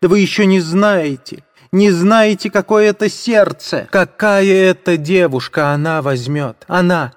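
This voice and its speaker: A man voicing a frantic, desperate widow in an audiobook, screaming out her outcries in a shrill, breathless rush. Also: unhurried, hardly any pauses. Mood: anguished. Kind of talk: audiobook character voice.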